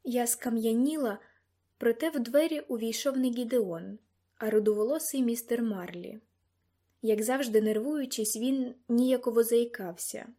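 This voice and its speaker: A woman narrating a first-person audiobook in an even, measured way. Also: fairly high pitch.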